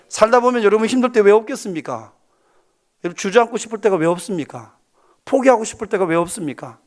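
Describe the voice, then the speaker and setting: A male pastor delivers a sermon in a high, bright-pitched voice. His delivery swings widely in pitch, and he keeps putting questions to the congregation and acting out lines. The tone is lively and engaging throughout. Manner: animated, asks the congregation questions, acts out quotes.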